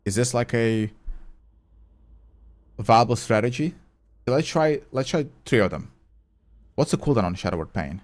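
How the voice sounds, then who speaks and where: A man with a mid-range, animated voice streams a game live at a measured pace with long pauses. He talks casually with viewers, responds to their chat while playing, reasons aloud, and swears sometimes.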